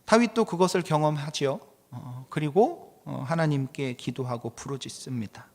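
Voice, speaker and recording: A man's voice: on the high side, lively intonation, moderate pace, darkish tone, in a large hall. A middle-aged male pastor teaching a Bible study class. He reads scripture aloud and asks the congregation questions. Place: church hall.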